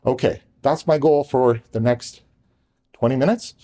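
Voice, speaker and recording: Male presenter, mid-pitched and mellow, live tech talk in a conference room, hurried with repeated restarts, jokes with the room. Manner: rushed, talking fast with restarts; jokey asides to the room. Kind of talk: technical presentation to a live audience.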